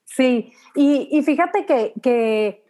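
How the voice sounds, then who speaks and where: Mexican-accented woman, fairly high voice, animated anecdotal guest storyteller. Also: very slow. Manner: lively anecdotal, acts out quoted dialogue. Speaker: radio announcer guest. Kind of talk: casual storytelling interview.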